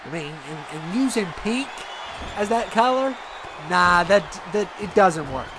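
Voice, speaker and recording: A man's voice: sits high, animated, a little slow, a crowd in the background, noisy background. A man commentating a video game wrestling show, ranting with mock outrage and repeating himself.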